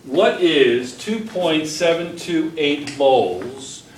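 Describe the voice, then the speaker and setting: A middle-aged man teaches chemistry at the whiteboard, working through problems slowly while constantly encouraging and quizzing his students. His voice is fairly high and expressive. A far camera captures the roomy classroom, with slight background noise.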